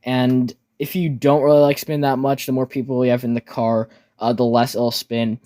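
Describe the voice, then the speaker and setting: A man delivers casual voice-over commentary as an amusement park ride reviewer. His pitch sits in the middle of the male range, and he talks informally with keen interest. The recording is dry, with little room sound. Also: level tone, moderate pace, warm tone, no echo.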